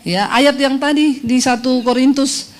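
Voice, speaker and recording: High-voiced woman pastor preaching with humor. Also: fairly even intonation. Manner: humorous, teasing the congregation with quick asides; acts out quoted voices in dialogue. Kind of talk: sermon.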